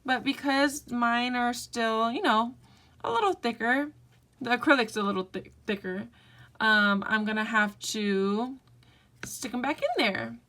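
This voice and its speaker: Young woman, just woke up, bright and a touch high, casual rambling tutorial chat. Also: measured pace. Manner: chatty and rambling, with fillers and self-corrections. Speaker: beauty vlogger.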